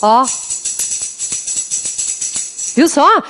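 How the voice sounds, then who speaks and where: Soft music plays behind a woman whose high voice swings widely in pitch as she draws out her words. With an interior Rio Grande do Sul accent, she teases and chats through an online law exam prep lesson, calling students "gente" with warmth and singing a samba as a memory aid.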